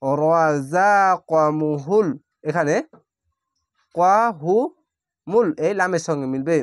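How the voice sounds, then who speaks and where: A man teaching Quran reading, spelling out each syllable slowly and then blending it into the word. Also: a little high, dry recording, studio quality. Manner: draws out recited words very slowly. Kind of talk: slow letter-by-letter recitation lesson.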